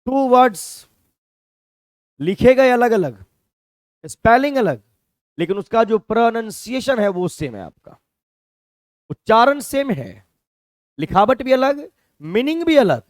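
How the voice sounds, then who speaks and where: A man's voice: extremely high pitch, very animated, takes it slowly, long pauses, dry recording, clean studio sound. A man teaching a vocabulary class with a Hindi accent, explaining step by step and checking in with his students. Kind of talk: classroom lecture.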